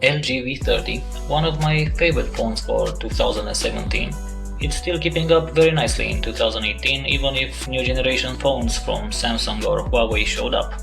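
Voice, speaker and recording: A man with a Russian accent hosting and narrating a phone review in a plain-spoken, relaxed way. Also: medium pitch, brisk, vocal fry, over music, rough recording. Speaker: tech reviewer host.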